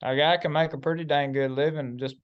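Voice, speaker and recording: A man's voice: on the high side, fairly even intonation, a little fast, clean tone, dull audio. A man with a Southern US accent casually explaining things as a guest with practical tips. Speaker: guest giving self-filming tips.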